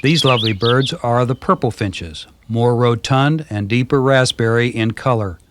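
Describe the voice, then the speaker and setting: A man giving calm, measured scripted narration for a backyard birding video, heard from a worn VHS tape copy. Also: medium pitch, no echo. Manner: calm, measured, gently descriptive. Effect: worn VHS tape copy with faint hiss.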